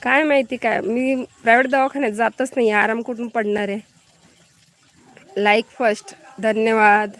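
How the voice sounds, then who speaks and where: A woman's voice: fairly high pitch, level tone, normal speed. A woman from Maharashtra hosting a live stream, chatting casually and answering viewers' comments as she greets them by name.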